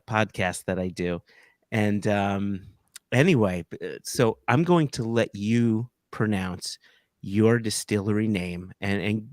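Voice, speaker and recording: A man's voice: lowish voice, no echo, clean studio sound. A man hosting a casual live stream, joking and stumbling over his words as he corrects himself. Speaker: host.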